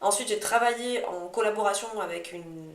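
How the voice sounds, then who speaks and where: Woman, casual podcast chat, talkative, digressive, medium pitch, roomy echo. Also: normal speed. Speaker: astrology podcast co-host. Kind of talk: casual conversational chat about personal experience. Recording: echoey room.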